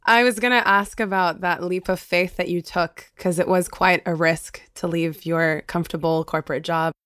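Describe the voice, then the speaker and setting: A woman's voice: fairly low pitch, steady tone, normal speed, fairly bright tone, clear, resonant tone, no echo, clean studio sound. A woman hosting an interview podcast, asking friendly and playfully teasing questions.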